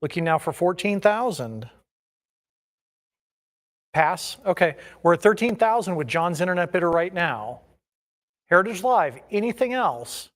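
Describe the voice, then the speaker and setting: A man's voice: high-pitched, big pitch swings, measured pace, pauses often. A man working as an auctioneer, calling bids in a repetitive chant of numbers and increments.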